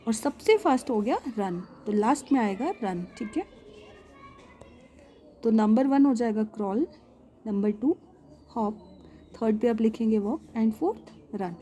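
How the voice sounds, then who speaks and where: A woman with an Indian English accent teaching a children's English lesson, patiently asking and answering her own questions and repeating words slowly. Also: fairly high pitch, lively intonation, dark tone. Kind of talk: explaining a primary English lesson.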